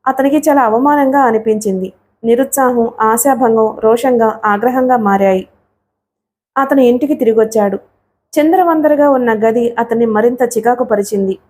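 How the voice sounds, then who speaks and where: Mellow woman narrating a story. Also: on the high side, normal speed. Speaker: audiobook narrator. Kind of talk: scripted narration.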